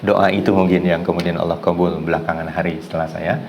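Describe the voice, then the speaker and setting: A man's voice: low voice, little pitch movement, fast, a little mellow, a little hiss or hum, poor audio. A middle-aged man teaching a massage class, telling anecdotes and acting out the voices of the people in them. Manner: anecdotal, acts out quoted voices with laughs. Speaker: massage therapy instructor. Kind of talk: storytelling lecture to a class.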